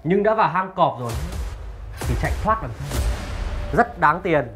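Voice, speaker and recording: A man playing a cruel male kidnapper and bully who sneers and shouts threats. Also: a little high, expressive, moderate pace, soft background music. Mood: menacing. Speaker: kidnapper villain, then rude customer. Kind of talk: web drama acting.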